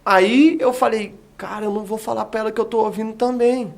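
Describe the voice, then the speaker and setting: A podcast guest, a male evangelist, shares his testimony with vivid storytelling, acting out the dialogue he remembers. His voice is high-pitched and creaky, with a steady tone and a fairly quick pace.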